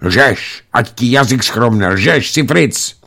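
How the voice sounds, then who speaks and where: A man's voice: mid-range voice, lively intonation, bright, forceful tone, pitched above the performer's own voice. A man voicing a scrappy, wary young village boy who talks bluntly and suspiciously. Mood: bold, suspicious.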